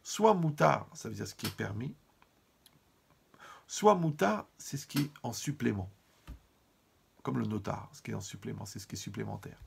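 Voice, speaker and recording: A man giving a lively Torah lesson, talking straight to his listeners and using funny everyday examples. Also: lowish voice, moderate pace, gravelly, long pauses, a little hiss or hum. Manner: lively, talks to listeners directly, humorous examples. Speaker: rabbi teaching Torah.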